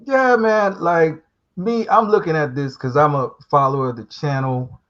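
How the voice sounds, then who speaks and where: Man on a muffled call, a bit high. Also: moderate pace, fairly bright tone. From Guyana. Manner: rambling, reflective, street slang. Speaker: guest calling in. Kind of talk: casual live-show discussion. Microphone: remote call.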